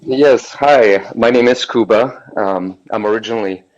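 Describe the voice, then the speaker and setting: A man from Poland calling into a live stream, asking an earnest, curious question in a halting way. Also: fairly low pitch. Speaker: caller. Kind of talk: casual chat. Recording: dull lo-fi audio.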